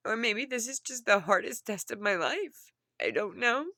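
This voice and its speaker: A woman who sounds upset and tearful, as after crying, talking earnestly and haltingly in a personal confession to viewers, often repeating herself. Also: fairly high pitch, lively intonation, bright, forceful tone, no room sound, studio quality. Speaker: vlogger.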